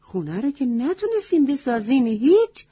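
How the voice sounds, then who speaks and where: A wise goat from a children's story lectures in a high, loud and emphatic voice, put on by a woman. The tone is husky and dark underneath, on a dry, muffled recording. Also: big pitch swings, dry recording, exaggerated voice. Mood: scolding.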